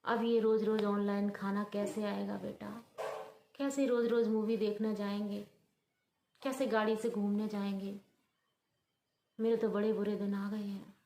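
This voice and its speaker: A woman's voice: medium pitch, level tone, measured pace, long pauses, mellow, natural voice. A woman voicing a worried middle-aged father speaking in a heavy, subdued way. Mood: despairing. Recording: roomy echo.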